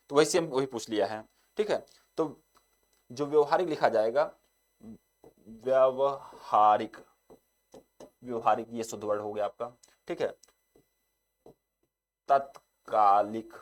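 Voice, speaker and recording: A young male teacher takes students through an exam-prep lesson at a mid pitch. He keeps coming back to the same short filler. When he reads an example sentence aloud, he slows it down.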